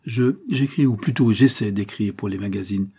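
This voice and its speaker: A man's voice: medium pitch, brisk, mellow, husky, voice pushed up, lightly acted. A male audiobook reader voicing a proud, hungry young sailor with an earnest, defensive manner. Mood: flustered.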